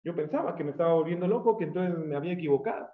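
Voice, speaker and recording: A man with a Mexican accent preaching a sermon as a lively storyteller, acting out the voices he quotes. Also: a little high, racing. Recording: echoey, dull room sound.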